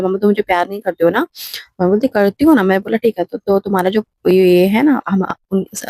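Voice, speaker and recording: A young woman telling a family story in a casual, animated vlog and acting out her relatives' lines. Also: mid-range voice, gravelly, no room sound. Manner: animated, acts out family members' lines in quotes. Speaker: vlogger. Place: home rooftop terrace.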